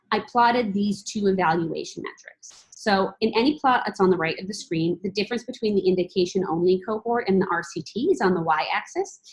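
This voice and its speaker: A woman presenting research as a PhD candidate, explaining it in a measured, formal and methodical way. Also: mid-range voice, darkish tone, poor audio.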